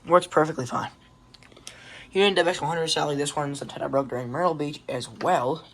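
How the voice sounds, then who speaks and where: A hobbyist shows off his radio collection in a casual vlog, shot on a phone he holds in his hand. His voice sits on the higher side and moves briskly, and he rambles in an offhand, sweary way over slight background noise.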